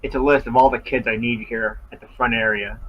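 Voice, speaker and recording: A man reading the lines of a cold, commanding male gunman speaking over a school loudspeaker. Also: medium pitch, steady tone, fairly quick, muffled recording, lightly acted. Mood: menacing.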